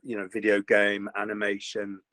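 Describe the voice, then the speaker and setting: A man's voice: on the low side, moderate pace, no echo, poor audio. Guy voice actor chatting away, lots of you-knows, dry booth sound. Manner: animated, many fillers and restarts. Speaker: voice actor guest. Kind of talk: casual interview chat. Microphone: home recording booth.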